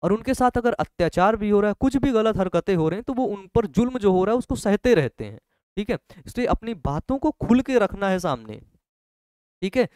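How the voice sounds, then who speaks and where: A man's voice: high-pitched, big pitch swings, a little fast, a little mellow, smooth, no echo, studio quality. A young male teacher giving a motivational talk to his students in a conversational way, checking in often with short questions.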